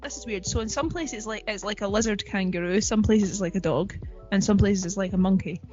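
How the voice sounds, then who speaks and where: A woman's voice: medium pitch, a little fast, darkish tone. Woman, casual podcast chat, chatty and giggly, lo-fi sound, faint music. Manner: chatty, giggly, heavy on fillers. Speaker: podcast co-host.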